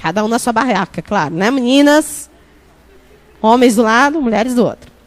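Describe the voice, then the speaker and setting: A woman bishop preaching a sermon, telling a personal story with lively animation and calling out to the congregation. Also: fairly high pitch, moderate pace. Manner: animated storytelling, shouting at peaks; lively, laughing, addresses crowd as "gente".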